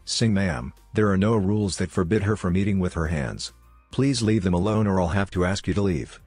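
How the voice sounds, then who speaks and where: A man voicing a calm, polite male restaurant manager speaking firmly. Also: deep voice, fairly quick, breathy edge, dry recording, faint music behind.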